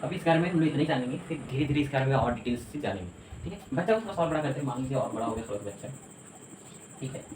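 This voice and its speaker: An English lesson unfolds as a classroom lecture from a man whose medium-pitched voice is expressive and very fast. He proceeds step by step, checking often that his students understand. Background noise is present, and the room is echoey.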